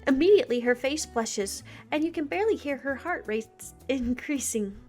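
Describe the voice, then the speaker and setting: A woman hosting a let's play, reading a visual novel aloud with animated, giggly asides. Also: sits high, normal speed, faint music behind.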